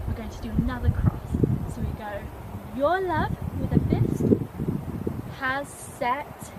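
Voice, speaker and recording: A woman's voice: high-pitched, very noisy. A woman teaching a children's dance class, calling out the moves step by step and cheering the kids on. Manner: encouraging, step-by-step instruction. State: out of breath at times.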